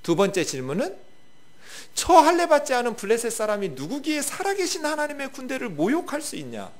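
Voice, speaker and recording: A male pastor preaching a sermon, asking the congregation questions and swinging from loud bursts to quiet asides. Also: extremely high pitch, wildly swooping pitch, a little fast.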